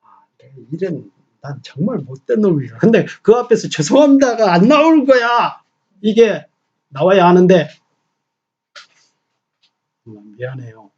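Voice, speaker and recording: A middle-aged man preaching a Sunday sermon in a small church, swinging from loud emphasis to soft near-whispers. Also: high voice, sing-song, moderate pace, breathy edge, muffled recording. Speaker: pastor.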